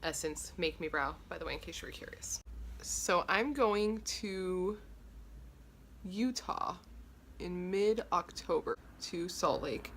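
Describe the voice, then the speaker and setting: A woman in her late twenties with a low voice chats about her life while doing her makeup. She rambles and swears freely in an easygoing, candid way, recorded close to a camera in her bedroom, with a faint hum of room noise behind her. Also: slow. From Los Angeles, USA. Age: 20s. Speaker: beauty vlogger. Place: bedroom, indoors. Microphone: camera in front at close range.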